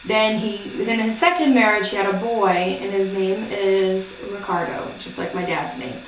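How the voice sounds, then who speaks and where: A woman's voice: mid-range voice, normal speed, noisy background. A Brazilian-born woman in her late twenties chatting casually to camera in a small room at home, rambling with lots of ums. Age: 20s. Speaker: vlogger. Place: small room indoors by a door. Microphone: camera across the room. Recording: roomy, distant home camera.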